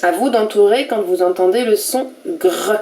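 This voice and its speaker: A woman teacher giving a recorded reading lesson to young pupils, sounding out each letter and syllable slowly and with care. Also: medium pitch, dark tone, slight background noise. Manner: slow and careful, spelling out letters and syllables one by one. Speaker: primary school teacher.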